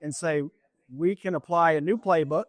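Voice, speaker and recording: A political candidate speaks in a campaign interview with an emphatic, lecturing manner, repeating his points. His voice sits on the high side at a normal speed, with no room sound.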